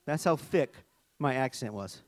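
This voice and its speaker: On a dry recording, a middle-aged Southern-accented man from Arkansas leads worship by preaching a chatty sermon, reading scripture and tossing in jokes. His medium-pitched voice is unhurried, and he tells stories with animation.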